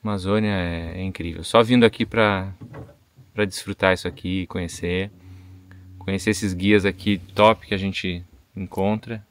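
A man's voice: low voice, normal speed. Chatty Brazilian man on a river trip. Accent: Brazilian Portuguese. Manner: relaxed, chatty, upbeat. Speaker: fishing vlogger. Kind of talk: casual outdoor narration to camera. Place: outdoors on an Amazon river boat. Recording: outdoor recording with steady background noise.

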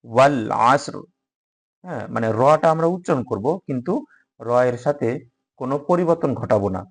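A man teaching a Quran recitation lesson, patiently repeating each word slowly so that learners can follow along. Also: medium pitch, expressive, breathy edge. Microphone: microphone.

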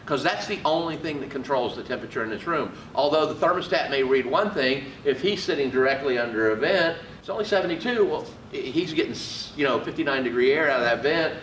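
Medium-pitched, expressive and a bit bright, this man talks a little fast with hardly any pauses. He's an HVAC trainer quizzing students in a relaxed classroom style, seated and gesturing widely, recorded from afar by a camera mic in an echoey training room with an AC unit, with a little hiss or hum.

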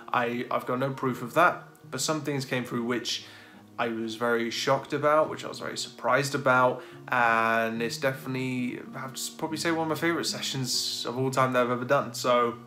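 A man's voice: medium pitch, sharp tone. A man in his thirties talking casually and hesitantly to camera as a paranormal video host. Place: dark room indoors. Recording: music behind the voice. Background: guitar music.

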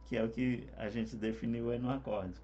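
A man, a singing teacher explaining harmony parts in a relaxed, conversational way. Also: mid-range voice, moderate pace, dull audio, over loud music. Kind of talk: explaining vocal harmony with sung examples.

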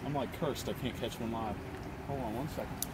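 By a rocky creek, a Texan fishing vlogger in middle age chats and coaches in an easygoing way, his voice in the medium range. The handheld phone's audio carries heavy noise from the rushing water.

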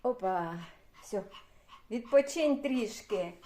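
A woman's voice: a little high, animated, slow pace. An older woman from Ukraine vlogging outdoors, cooing in sing-song baby talk to a toddler and a dog. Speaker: vlogger great-grandmother. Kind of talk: home vlog, talking to a toddler and a dog. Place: outdoors in a windy yard. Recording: loud wind and outdoor noise.

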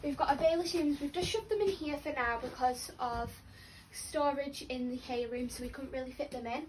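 A woman's voice: high-pitched, moderate pace, poor audio. A young woman giving a casual tour of a horse barn, chatty and rambling, filmed on a phone. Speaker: vlogger showing her barn. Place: outdoor horse barn and stables. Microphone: phone camera held nearby. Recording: phone video with background noise.

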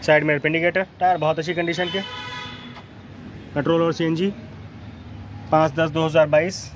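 A man with a North Indian accent and a fairly high, level voice walks around used cars at an outdoor lot, moving beside and inside them. He speaks at a moderate pace, listing details in short, matter-of-fact phrases for a sales presentation. Noisy street ambience fills the background.

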